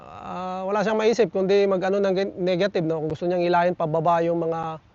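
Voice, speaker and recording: High-voiced chatty man vlogging outdoors. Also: little pitch movement, a little fast, a little mellow, highs cut off. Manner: chatty, peppers lines with tag questions, addresses viewers as buddies. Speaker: vlogger reading viewer comments. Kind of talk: casual vlog chat. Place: outdoors in nature.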